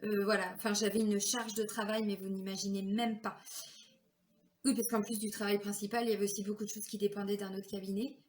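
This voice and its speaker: A vlogger and card reader tells her personal story in a chatty way, her medium-pitched, level voice moving a little fast. She leans on plenty of fillers and sometimes acts out other people's voices. The sound is reverberant.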